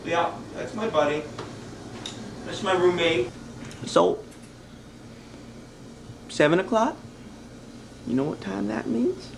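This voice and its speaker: A man's voice: sits high, slow, creaky, pauses often, background noise, heavily acted. A man playing an overexcited wrestling superfan in a mockumentary, gushing in a fanboy way. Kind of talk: mockumentary acting.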